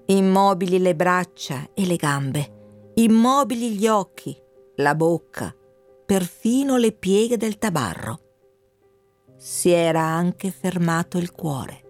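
Give me a woman reading a story aloud, measured, with a lively rise and fall. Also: on the low side, soft background music. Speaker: audiobook narrator. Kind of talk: scripted storybook narration.

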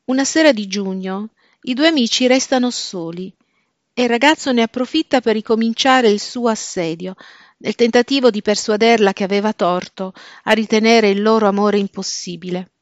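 Woman narrator, measured scripted reading, dull lo-fi sound with no room echo. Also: mid-range voice. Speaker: book presenter. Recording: dull, dry lo-fi recording.

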